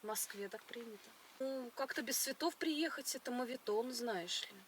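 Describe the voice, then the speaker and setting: A woman's voice: on the high side, normal speed, distant mic, a little hiss or hum. A woman chatting casually and flirtatiously, with an insistent, coquettish manner. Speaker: date of the prankster. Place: inside a car.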